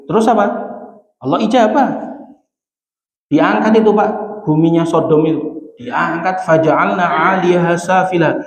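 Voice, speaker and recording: A middle-aged man giving a conversational sermon, telling stories and acting out dialogue with chuckles. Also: fairly high pitch. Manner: animated, acts out dialogue, chuckles at own jokes. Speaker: Islamic preacher. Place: large mosque hall. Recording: echoey mosque hall with long reverb.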